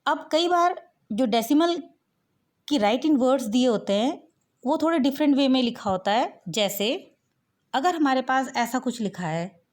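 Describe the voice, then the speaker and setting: A woman teaching a maths lesson in a fairly high voice. She explains step by step and keeps turning questions back to the viewer. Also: lively intonation, unhurried, a little mellow.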